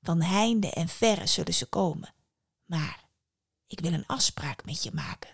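An ancient, stern female spirit of death speaks low and close, her voice dropping to a whisper, as a woman puts her on. A gravelly grain runs under every word of this storybook figure. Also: very animated, unhurried, dry recording, exaggerated voice. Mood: hushed. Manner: hushed, often whispered, lowered voice.

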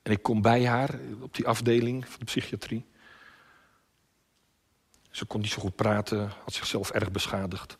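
A male pastor with a slightly husky voice delivers an impassioned sermon. He swings between loud, pleading cries and hushed, almost whispered prayer. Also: on the low side, fairly even intonation, normal speed, long pauses.

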